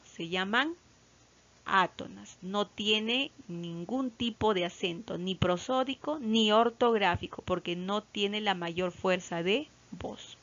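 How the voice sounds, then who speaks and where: A woman teacher from Peru, with a Peruvian Spanish accent, giving a patient lesson to children and often checking that they follow. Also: medium pitch. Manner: slow and patient, repeats key words, checks with "¿ya?"; stretches out example words loudly. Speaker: primary school teacher. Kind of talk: recorded classroom lesson. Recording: slightly dull lo-fi recording.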